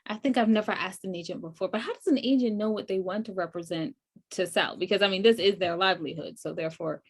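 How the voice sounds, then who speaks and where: A woman's voice: medium pitch, fast. A woman hosting an interview, bubbly and self-deprecating as she asks her questions. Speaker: interviewer, host. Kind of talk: interview chat.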